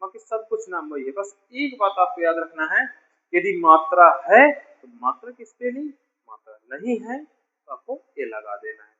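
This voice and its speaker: A man's voice: high voice, very animated, moderate pace, bright, forceful tone, lo-fi sound. A man teaching a beginner English lesson, patiently repeating each point and calling his students dear children. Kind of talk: classroom lesson explaining spelling.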